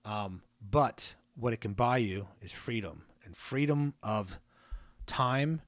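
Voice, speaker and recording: A man's voice: fairly low pitch, measured pace, dry recording. A man hosting a live stream, chatting casually, joking and reading viewer comments aloud. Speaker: livestream host.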